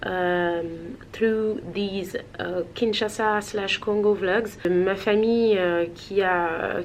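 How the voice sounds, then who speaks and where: A woman's voice: medium pitch, steady tone, slow pace, a little hiss or hum. A woman from Switzerland chatting casually to her vlog viewers, rambling with many hesitations. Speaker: vlogger.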